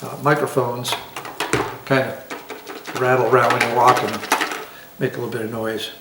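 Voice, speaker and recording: A man aged sixty or older reviews a product with a casual demonstration in his home dining room, easygoing, folksy and plain-spoken. His mid-range voice is level and at normal speed. The recording is echoey, with a distant microphone and heavy background noise.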